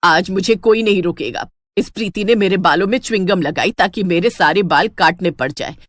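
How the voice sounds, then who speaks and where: A woman's voice: fairly low pitch, normal speed, fairly bright tone, no echo. A woman voicing a fierce, jealous middle-aged mother-in-law in a cartoon, scolding and bossy. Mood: furious.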